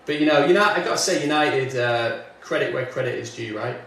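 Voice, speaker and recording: Answering comments while he works, a chatty northwest England music streamer hosts a casual livestream from his indoor home studio. His medium-pitched, slightly bright voice moves a little fast and is recorded off mic from a distance in a very echoey room with faint background noise.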